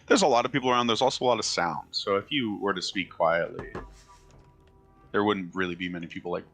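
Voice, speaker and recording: Bright, gravelly man running a tabletop game. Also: low voice, fast, soft background music. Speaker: game master. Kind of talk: narrating a tabletop game, casual.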